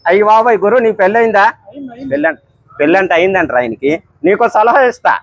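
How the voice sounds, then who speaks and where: Male street vlogger, high and lively, all jokes and loud exclamations. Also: fast, creaky, no echo. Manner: teasing, jokey, exclaims loudly. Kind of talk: playful street banter. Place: tea stall.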